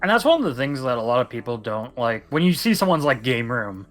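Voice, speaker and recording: A young podcast co-host rambles emphatically and at length in casual conversation, his mid-range voice swinging widely in pitch. He speaks briskly over soft background music.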